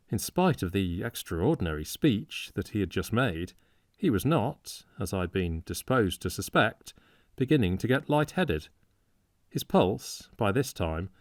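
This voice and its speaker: Male audiobook narrator, measured and low-pitched; dry close-mic studio read. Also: no room sound.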